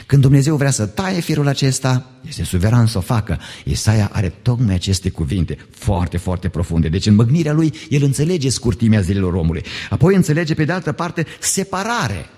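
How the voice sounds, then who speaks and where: A male pastor preaching a sermon in a church, animated and asking the congregation rhetorical questions. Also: medium pitch, few pauses, slightly rough. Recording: long church hall reverb.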